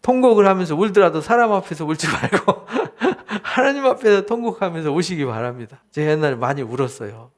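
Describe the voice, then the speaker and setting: A middle-aged male pastor preaching a conversational sermon, acting out prayers and laughing now and then. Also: fairly high pitch. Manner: laughs while speaking. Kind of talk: sermon, Bible exposition.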